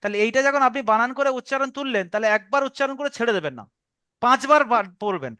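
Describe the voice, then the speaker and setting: Fast, high-voiced man teaching online. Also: expressive, bright, forceful tone, clean tone, dry recording. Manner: drills pronunciation by repeating words. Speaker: Quran teacher. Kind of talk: online class instruction. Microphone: online call.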